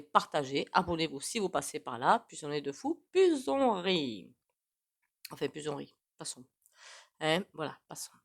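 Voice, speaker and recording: A woman with a blocked, stuffy nose from a cold, chatting casually to her channel viewers, rambling and often clearing her throat. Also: lowish voice. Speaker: tarot reader and channel host.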